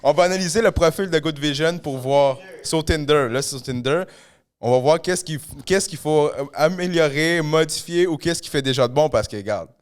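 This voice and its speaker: A man's voice: fairly high pitch, moderate pace, clean tone. A man hosting a podcast, laid-back and slangy, dropping English words into casual chat. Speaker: podcast host.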